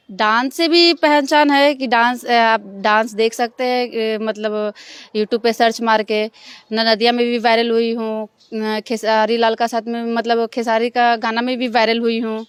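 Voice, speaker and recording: Young woman, smooth and bright. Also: fairly high pitch, no echo. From Bihar, India. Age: young adult. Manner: halting, many fillers and restarts. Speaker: stage dancer, interview guest. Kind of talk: casual interview answers.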